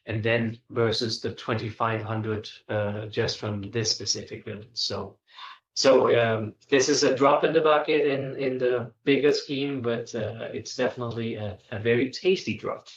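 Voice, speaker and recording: A man, a winemaker guest in a casual wine-tasting chat, talking in a measured, thoughtful way as he searches for words. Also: mid-range voice, fairly even intonation, a little hiss or hum. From Denmark. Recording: dull lo-fi recording.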